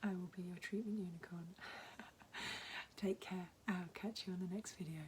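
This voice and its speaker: Hoarse, husky woman half whispering. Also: lowish voice, fairly even intonation, fairly quick, a little mellow, a little hiss or hum, rough recording. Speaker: mentor. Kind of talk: casual advice vlog.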